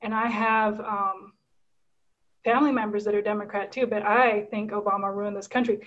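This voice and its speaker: A woman's voice: medium pitch, fairly even intonation, normal speed, a bit bright, muffled recording. A woman from Guatemala on a video call, telling a personal story in an earnest, casual way with many fillers and restarts. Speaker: caller.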